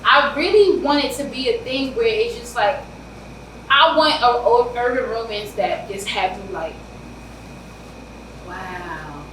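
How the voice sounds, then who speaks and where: An animated author guest with a New York accent and a slightly high voice chats loudly in a casual interview, her words spilling out in quick bursts. She sounds distant, in a roomy space with a faint hiss.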